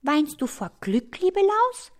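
A woman's voice: big pitch swings, moderate pace. A woman doing a cheerful little ant. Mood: gentle. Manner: bright and high, gentle. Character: cheerful, cautious female ant.

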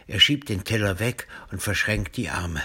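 A man narrating a children's storybook in a clear, measured storytelling manner. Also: lowish voice, bright, forceful tone. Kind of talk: storybook reading.

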